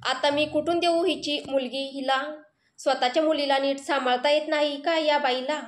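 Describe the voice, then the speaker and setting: A woman's voice: high-pitched, fairly even intonation, moderate pace, roomy sound, lightly acted. A woman voicing a spoiled, snobbish rich college girl who talks in a whiny, dismissive way and mixes in English phrases. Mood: whiny, scared.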